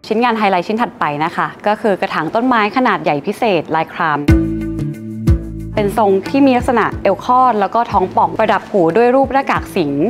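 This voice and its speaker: Woman, thirties, auction presenter, polite and informative, fast delivery, gallery showroom. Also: mid-range voice, expressive. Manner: polite, informative, frequent soft sentence-final particles. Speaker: auction specialist. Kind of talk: scripted presentation of auction highlights. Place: gallery showroom with glass display cases. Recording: clear music bed behind voice.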